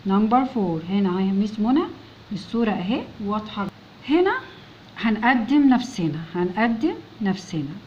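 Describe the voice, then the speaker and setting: A woman's voice: medium pitch, animated, normal speed, darkish tone. A woman with an Egyptian Arabic accent teaching young children, patiently sounding out words letter by letter and coaxing them to answer. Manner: coaxing, keeps prompting pupils to answer. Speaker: English teacher. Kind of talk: recorded lesson for young children. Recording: dull lo-fi recording with faint noise.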